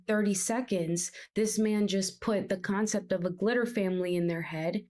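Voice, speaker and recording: Animated woman co-host, emphatic. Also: medium pitch. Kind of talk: opinion commentary.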